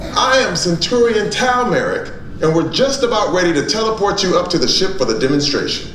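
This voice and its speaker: Eager, high-voiced space officer, echoing. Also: male voice, slight background noise. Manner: eager, officious, awkwardly comic. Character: earnest, eager, slightly awkward young male space corps officer. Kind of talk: scripted theme park pre-show presentation. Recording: echoey hall, distant mic, loud music.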